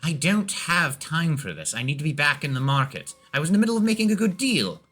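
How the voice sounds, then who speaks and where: A man's voice: fairly high pitch, sing-song, a little fast, sharp tone, soft background music, heavily acted. A man voicing a bossy, impatient merchant woman in a tabletop game, curt and demanding.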